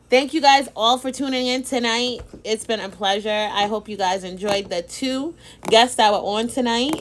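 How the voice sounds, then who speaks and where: A woman's voice: a little high, slight background noise. Chatty woman hosting a live stream. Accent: Boston. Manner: chatty, animated, reads out viewer comments. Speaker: interview host. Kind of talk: casual live-stream interview.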